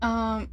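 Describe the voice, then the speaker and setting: While playing a game on stream, a young woman chats easily with her viewers and reads their messages. She laughs softly and teases them as they attempt to pin down her accent.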